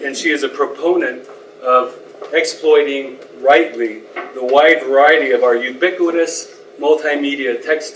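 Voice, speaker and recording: A man's voice: fairly high pitch, fairly bright tone, a little hiss or hum. A man reading a formal, prepared introduction for a guest speaker. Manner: formal, reads prepared remarks. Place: lecture hall. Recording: echoey hall, mic from a distance.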